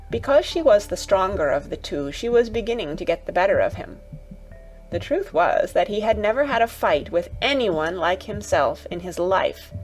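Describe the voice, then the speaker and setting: Woman reading a kids' audiobook, calm and steady, faint music behind. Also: medium pitch, low-quality recording. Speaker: narrator. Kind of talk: children's audiobook narration.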